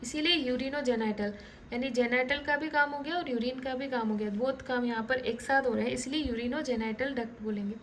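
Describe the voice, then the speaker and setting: A woman teaching biology in a relaxed lecture style, often checking in with the class and restarting words as she explains diagrams. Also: high-pitched, fairly quick, slight background noise, poor audio.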